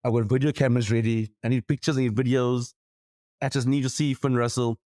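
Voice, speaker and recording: A South African man talks very fast and excitedly, tripping over his own restarts as he gushes. His voice is close and dry, with no room sound. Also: mid-range voice, no echo. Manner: excitable, gushing, stumbling restarts. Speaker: podcast co-host. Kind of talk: casual chat.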